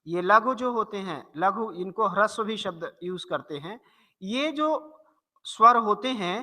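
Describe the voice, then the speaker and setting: A man's voice: high-pitched, sharp tone, big-room sound. A male Hindi teacher with a north Indian accent, explaining a grammar lesson and carefully repeating example words to model their pronunciation. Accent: Hindi-speaking north Indian.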